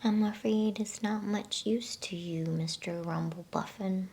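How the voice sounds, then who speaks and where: Woman as a soft-spoken polite little girl. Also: medium pitch, fairly even intonation, unhurried, vocal fry, slight background noise, pitched above the performer's own voice. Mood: kindly. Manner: polite, gentle. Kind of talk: bedtime storybook character.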